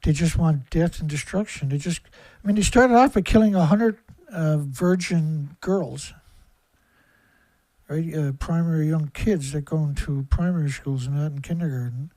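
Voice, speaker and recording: Ranting angrily on his livestream, a man with a fairly high, warm voice fires off one rhetorical question after another, swearing throughout. He speaks at a moderate pace, and the recording is dry.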